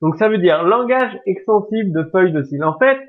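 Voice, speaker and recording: A man's voice: sits high, animated, brisk. Guy teaching coding, casual, lots of fillers, tinny phone-like audio. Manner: casual explaining with filler words and restarts. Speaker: programming tutorial host. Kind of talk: screen-recorded coding lesson.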